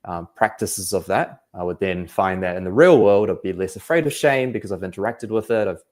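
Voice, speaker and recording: Reflective deep-voiced young man. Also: lively intonation, fairly quick. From New Zealand. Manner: reflective, many fillers. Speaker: anxiety coach guest. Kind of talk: casual podcast interview.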